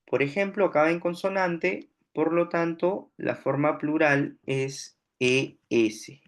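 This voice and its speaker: Slow, deliberate male grammar teacher. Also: on the high side. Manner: slow, deliberate explaining with frequent checks "¿no?". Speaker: language teacher. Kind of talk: recorded grammar lesson.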